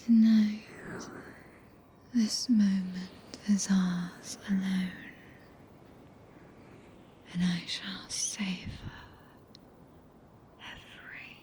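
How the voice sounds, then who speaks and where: A regal witch played by a woman whispers in a soft British accent, drawing out each phrase very slowly. Her breathy voice is mellow, tender and devoted, in an old-fashioned courtly ASMR roleplay. There is a faint noise behind it. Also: mid-range voice, steady tone. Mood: tender, adoring. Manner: slow, archaic, soothing speech.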